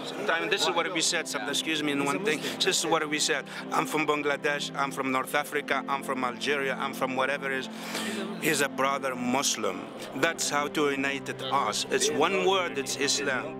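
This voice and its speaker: A man's voice: medium pitch, fairly even intonation, normal speed, over loud music. A man speaking with impassioned repetition.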